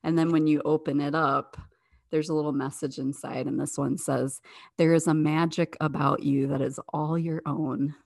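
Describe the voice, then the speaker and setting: A woman guest chatting on a podcast, with a very low voice and a gravelly fry running through her words. She talks in a friendly, slightly hesitant way, and the sound is close and dry. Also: level tone, moderate pace, darkish tone, no echo. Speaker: guest, wellness and skincare seller. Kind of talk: casual chat.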